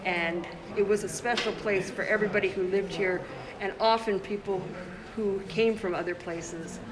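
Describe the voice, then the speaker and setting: A chatty Congolese artist livestreams a casual tour of her own show from a handheld phone, strolling through an indoor gallery while showing her work, with a clear murmur of the opening-night crowd behind. Her medium-pitched voice is steady in tone and moderate in pace, and the recording is rough.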